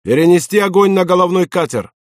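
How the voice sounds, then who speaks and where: An audiobook narrator voicing a stern senior lieutenant who commands a patrol boat in battle. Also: male voice, high voice, expressive, quick pace, no room sound, studio quality, pitched above the performer's own voice. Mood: commanding. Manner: barks sharp commands.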